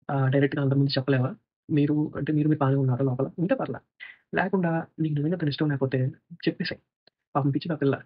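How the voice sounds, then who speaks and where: A man rattles off sarcastic, opinionated reality-show commentary at a rapid clip. His voice sits a little high and sounds husky, and the recording is dry and a bit muffled. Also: no room sound. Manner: opinionated, sarcastic, fast-talking. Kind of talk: casual video commentary.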